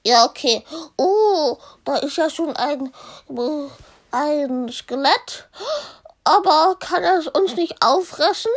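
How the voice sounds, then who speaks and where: A woman's voice: high voice, lively intonation, slow pace, exaggerated voice. A woman voicing a chatty, curious schoolkid character in a fan story.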